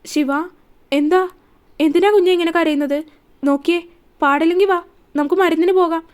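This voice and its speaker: A woman's voice: very high voice, steady tone, moderate pace. A woman reading as a stern young husband. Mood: tender. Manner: firm, scolding, then tender.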